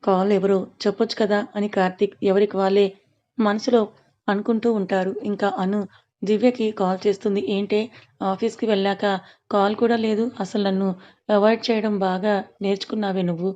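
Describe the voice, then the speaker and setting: A woman's voice: medium pitch, little pitch movement, fairly quick, mellow, lo-fi sound. A woman telling a serialized story, reading the characters' lines inside her narration. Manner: reads dialogue inside plain narration.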